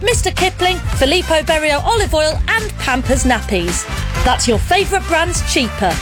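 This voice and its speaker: Woman doing a supermarket announcement. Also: high-pitched. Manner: bright, announcing delivery. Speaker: advert voice-over. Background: music.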